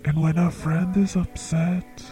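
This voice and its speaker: A man hosting a comedic call-in show as a psychic, speaking in a slow, soft-spoken, earnest way. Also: on the high side, flat delivery, faint music behind, rough recording. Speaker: psychic radio show host.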